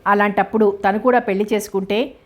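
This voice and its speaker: A woman reads a novel aloud as its narrator. Her delivery is steady and even, with pitch in the middle range and very little rise and fall. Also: fast talker. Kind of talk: novel reading.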